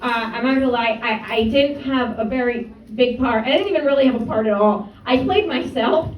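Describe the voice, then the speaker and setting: A woman's voice: fairly high pitch, brisk, dull audio. A woman comedian performing a stand-up set in a comedy club, with wry, self-deprecating banter toward the audience. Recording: echoey club from a distance, crowd laughter.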